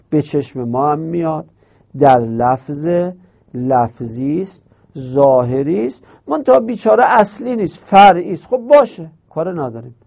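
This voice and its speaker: A man teaching a grammar lesson in speech, explaining step by step and slowly repeating key terms. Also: fairly high pitch, vocal fry. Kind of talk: Arabic grammar lecture. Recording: dull lo-fi recording.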